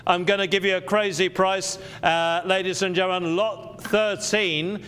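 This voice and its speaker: A man's voice: high voice, little pitch movement, measured pace, fairly bright tone, slight background noise. A man working as an auctioneer on a live sale, calling bids in short, repeated patter.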